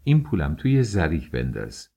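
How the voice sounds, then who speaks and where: A calm young married woman with a plan, giving orders and soothing others in an audiobook, as a male reader puts her on. The voice stays low and dark, with a husky edge and a lively lilt. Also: exaggerated voice. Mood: firm. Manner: firm, coaxing.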